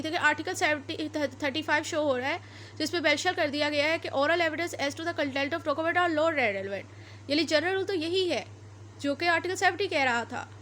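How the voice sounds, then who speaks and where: Slight background noise accompanies a high-pitched, fairly bright female voice. The speaker, a woman with a Pakistani accent, explains law in a lecture that switches between Urdu and English, rephrasing and repeating her points as she proceeds.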